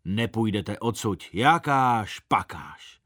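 A deep-voiced family father voiced by a man speaks firmly. His voice carries a lively melody, and the sound is dry and close. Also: no room sound. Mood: stern.

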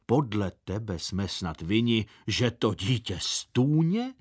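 A man voicing a patient father in a deep voice in a storybook reading. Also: big pitch swings, darkish tone, breathy edge, no echo, studio quality. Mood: stern.

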